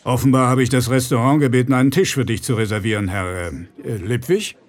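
A man voicing a big, powerful rich man who speaks in a booming, gruff and coldly courteous manner. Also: fast, natural voice.

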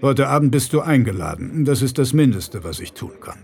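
A man voicing a big, powerful rich man who speaks in a booming, gruff and coldly courteous manner. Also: very animated, a little fast, darkish tone, full character voice.

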